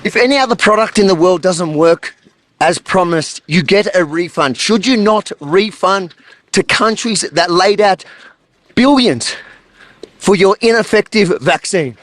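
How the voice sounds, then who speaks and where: A man's voice: high-pitched, lively intonation, a little slow, fairly bright tone, no room sound. A man from Australia with an Australian accent, working as a reporter outdoors on a street, confrontational and blunt. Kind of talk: street ambush questioning and wrap-up commentary.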